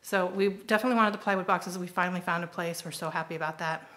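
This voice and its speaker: A middle-aged woman who vlogs about homesteading talks fast in a low, fairly bright voice with fairly even intonation. She casually points out progress in the kitchen she's renovating, peppering her talk with ums, while filming indoors on a handheld phone at arm's length.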